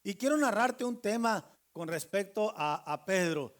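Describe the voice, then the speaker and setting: Pastor guy preaching, high voice, storytelling, talks right to the crowd. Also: lively intonation, a little slow. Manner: storytelling preacher addressing the congregation directly. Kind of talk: sermon.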